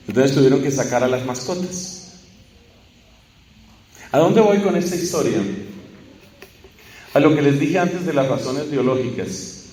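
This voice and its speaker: A man's voice: on the high side, darkish tone. A man preaching a live sermon to a congregation, emphatic and repetitive, asking rhetorical questions. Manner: emphatic, repeats key phrases, asks rhetorical questions. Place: large hall or church with an audience. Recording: echoey hall, speaker far from mic, faint hum.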